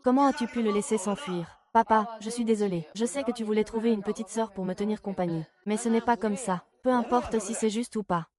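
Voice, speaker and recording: A woman's voice: medium pitch, brisk, natural voice. A woman dubbing dialogue for a family drama with an emotional delivery. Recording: loud crowd noise behind.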